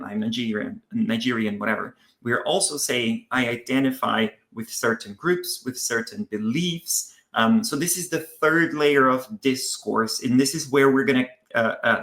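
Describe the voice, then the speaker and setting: A man from Brazil giving a conference talk to teachers, pausing often with ums and restarting his sentences. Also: mid-range voice, fairly bright tone. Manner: hesitant, with many ums and restarts. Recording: roomy echo.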